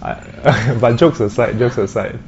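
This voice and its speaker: Someone with a Singaporean accent speaking casual colloquial Singlish while gently advising a group. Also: mid-range voice, a little slow. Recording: noisy, muffled live room recording.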